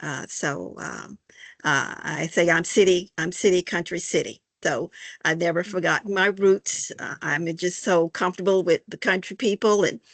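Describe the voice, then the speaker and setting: An older woman from Arkansas, answering in a halting, folksy way with many fillers. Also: lowish voice, no echo. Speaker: interviewee, church member. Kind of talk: casual conversation.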